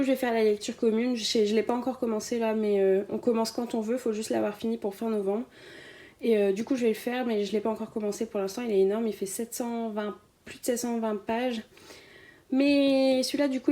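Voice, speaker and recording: A woman's voice: a little high, mellow, echoey room. A young woman giving a casual, chatty tour of her bookshelf, with many fillers. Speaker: book vlogger.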